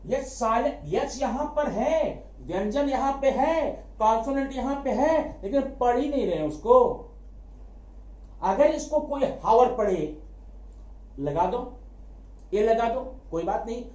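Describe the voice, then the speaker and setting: A man teaching a grammar lesson, asking quick rhetorical questions, answering them himself and repeating key words for emphasis. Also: very high voice, warm tone. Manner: addresses students familiarly as brother. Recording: echoey room, dull lo-fi sound.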